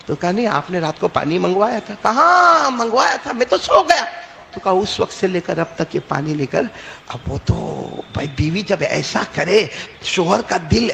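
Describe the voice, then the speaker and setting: A man's voice: high-pitched, very animated, gravelly, bright, forceful tone. A male preacher telling a story in a sermon, repeating phrases and calling on listeners to answer back. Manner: call-and-response, prompting listeners with "bolo"; repetitive, emphatic storytelling. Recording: echoey hall with faint noise.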